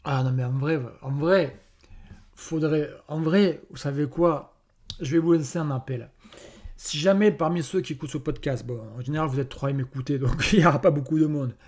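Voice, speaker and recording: A man's voice: a little high, moderate pace, darkish tone. A man hosting a comedy podcast alone, rambling casually with many fillers and plenty of swearing. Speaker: podcast host.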